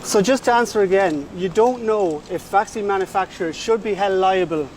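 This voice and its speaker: A man's voice: high voice, normal speed. A man working as a reporter on the street, putting pushy, insistent questions in a doorstep interview. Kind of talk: on-the-spot questioning. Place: outdoors by a street with traffic. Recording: faint outdoor traffic noise.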